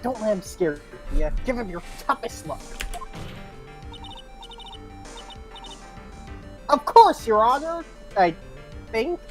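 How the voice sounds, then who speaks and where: A woman voicing a young female rookie defense lawyer, earnest and nervous but determined, a little halting. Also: on the high side, sing-song, faint music behind, voice pushed up. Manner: earnest, halting when flustered.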